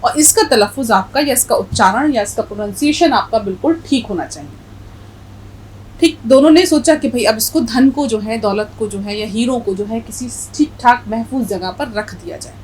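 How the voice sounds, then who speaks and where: Teacher: woman, measured and precise, spells words out patiently, slightly high voice. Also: a little mellow, a little hiss or hum, poor audio. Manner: slow, clear, spells out letters deliberately. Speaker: Urdu teacher. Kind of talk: language lesson with story reading.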